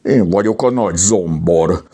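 A man voicing a shy, sad male giant who lives alone as king of his land, in a husky, timid voice. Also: lowish voice, wildly swooping pitch, a little mellow, voice pushed up, full character voice.

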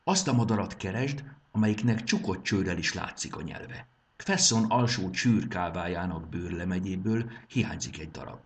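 A man voicing a calm, commanding boy leader in a storybook reading, speaking briskly and giving directions. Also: deep voice. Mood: urgent.

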